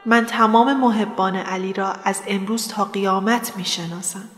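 Woman doing a weak gentle dying lady, slow faint words, lots of echo. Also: mid-range voice, fairly even intonation, soft background music, lightly acted. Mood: faint, tender. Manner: faint, slow, effortful speech. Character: frail bedridden woman, gentle, near death. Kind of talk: audio drama acting. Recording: reverberant, long hall echo.

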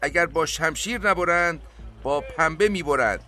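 A sneering, arrogant rebel colonel barks orders and mocks his captives, played by a man. The voice sits high, with a bright, cutting edge. It suits a radio drama. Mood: scornful. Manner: sneering, scornful.

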